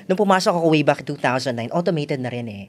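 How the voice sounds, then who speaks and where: A man who works as a radio DJ, chatting casually and telling his story with animated energy. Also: on the high side, fast, crowd noise. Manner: animated storyteller, mixes Tagalog and English. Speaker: radio DJ and podcast guest. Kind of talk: casual chat.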